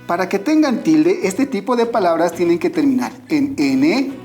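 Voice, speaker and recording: A man from Bolivia with a Bolivian Spanish accent, a teacher giving a scripted online lesson, explaining clearly and speaking directly to his students. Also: high-pitched, animated, normal speed, a little mellow, faint music behind.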